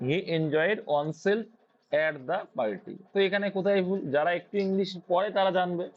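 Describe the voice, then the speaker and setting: A male tutor with a Bengali accent explains English grammar to students, posing questions and answering them himself. His voice is high and a little mellow, and the recording sounds dull and lo-fi.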